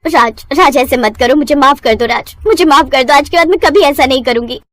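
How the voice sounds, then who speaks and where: A woman voicing a sharp-tongued, scheming young daughter-in-law who scolds her old father-in-law in a storybook cartoon. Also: fairly quick. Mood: panicked. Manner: shrill, scolding.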